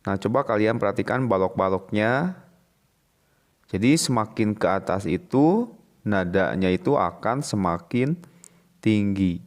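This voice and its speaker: A man's voice: fairly low pitch, expressive, measured pace, long pauses. A man teaching a recorded music lesson to children, explaining patiently and repeating each point step by step.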